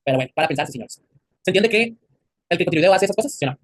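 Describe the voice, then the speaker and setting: A man's voice: high voice, animated, rapid-fire, no echo. A man with a Mexican accent teaching an anatomy class, quizzing his students and joking in crude slang. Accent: Mexican Spanish. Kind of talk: classroom lecture.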